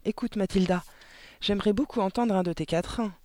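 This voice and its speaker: A man voicing a kind young woman schoolteacher in an audiobook, warm and encouraging, lifting his voice higher for her. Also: brisk, dry recording, clean studio sound, close to an everyday voice. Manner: warm, encouraging, easily delighted. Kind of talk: audiobook character voice.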